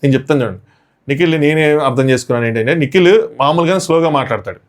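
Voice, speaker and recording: A man recaps a reality show episode at an extremely fast clip, hardly pausing between points. His voice is a little high for a man, and he mixes English words into his breathless, storytelling commentary.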